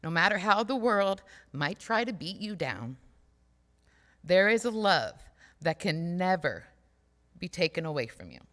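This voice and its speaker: At a livestreamed service in a large church, a woman who does community outreach gives an informal, heartfelt reflection to the congregation, speaking earnestly and haltingly and repeating phrases for emphasis. Her voice is fairly low, very animated, and a bit bright. The hall sounds reverberant.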